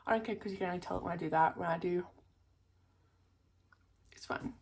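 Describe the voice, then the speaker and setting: A woman's voice: fairly low pitch, fairly even intonation, brisk, creaky, husky. A young woman chatting casually to camera as a vlogger, full of fillers and casual swearing, her speech a little thick from a new tongue piercing.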